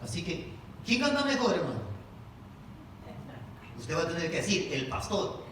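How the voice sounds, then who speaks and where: A man's voice: fairly high pitch, big pitch swings, moderate pace, fairly bright tone, a little hiss or hum. A male pastor preaching a sermon to his congregation, firing off rhetorical questions and calling listeners "brother". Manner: addresses congregation as "hermano". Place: large church hall. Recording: echoey hall, mic at a distance.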